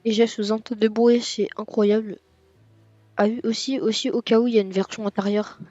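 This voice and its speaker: A man chats his way through a racing game in casual let's-play style, stumbling over fillers and bursting out now and then. His voice is mellow and dark, close and dry. The recording is dull and lo-fi, with faint music underneath. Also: high-pitched, brisk, no echo. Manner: rambling and hesitant, with many fillers and sudden excited outbursts. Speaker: gaming video creator.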